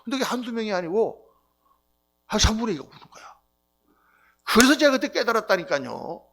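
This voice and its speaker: A middle-aged man preaching at a revival, his voice set high for a man and rising and falling a great deal. He tells stories, acts out the people in them, and drops from near-shouts to hushed asides. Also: a little fast, husky. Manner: animated storytelling with sharp swings between loud outbursts and near-whispers; acts out quoted voices and repeats key phrases. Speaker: pastor. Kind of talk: revival sermon.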